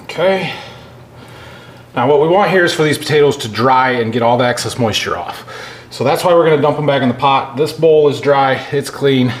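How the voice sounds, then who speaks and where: A man with a mid-pitched voice hosts a casual home cooking show. He explains each step in a folksy way while he works. The recording has faint kitchen noise and clatter behind him. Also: moderate pace.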